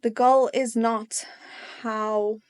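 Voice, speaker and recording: A young woman giving a casual, earnest devotional talk to her viewers, encouraging and gentle with soft pauses. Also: a little high, level tone. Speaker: faith vlogger.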